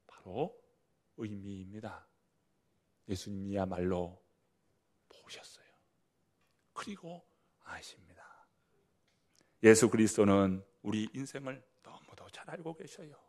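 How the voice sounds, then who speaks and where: A male pastor preaching a sermon in a church service, swinging from loud emphasis to hushed whispers and asking the congregation direct questions. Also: medium pitch.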